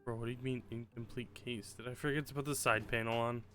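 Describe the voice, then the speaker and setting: Male streamer, medium pitch, offhand gameplay commentary, dry sarcasm and swearing, light music bed. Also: fairly even intonation, fast talker, fairly bright tone. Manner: sweary, sardonic. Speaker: game streamer.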